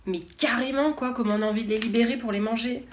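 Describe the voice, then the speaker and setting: Woman vlogger, casual unboxing chat, bubbly, lots of fillers, steady background hiss with clicks. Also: on the high side, quick pace. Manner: chatty and enthusiastic, many fillers.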